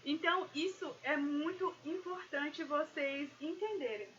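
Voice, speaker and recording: A woman with a high, bright, ringing voice talks animatedly to her viewers as a business consultant on a live stream. The audio is a little dull and lo-fi, with faint room ambience behind her. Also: measured pace, a little hiss or hum. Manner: animated, addresses viewers directly.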